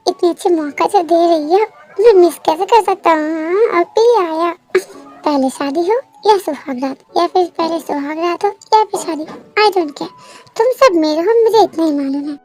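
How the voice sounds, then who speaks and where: A woman's voice: extremely high pitch, normal speed, darkish tone, soft background music. A woman voicing a doting young husband who sounds exasperated but affectionate in a fan story.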